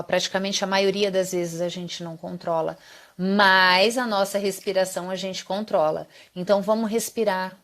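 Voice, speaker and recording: A woman hosting a live psychology talk, explaining patiently and often checking in with the viewers. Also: mid-range voice. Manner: explanatory, often adds tag question 'né'. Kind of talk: live stream talk answering viewer comments.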